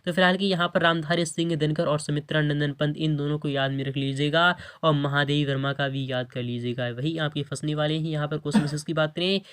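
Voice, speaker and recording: A man's voice: a little high, fairly even intonation, fast talker, hardly any pauses, a bit bright, clear, resonant tone. A male teacher who goes through an exam model paper. He keeps restating his points and repeats himself. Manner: repetitive, restates with "yani ki". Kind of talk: exam paper walkthrough lesson.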